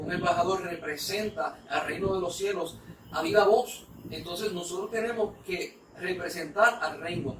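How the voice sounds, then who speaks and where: A man's voice: high-pitched, fairly bright tone. A Puerto Rican man preaching emphatically in a church talk. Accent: Puerto Rican Spanish. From Puerto Rico. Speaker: ministry speaker. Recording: echoey room, mic far off, noisy.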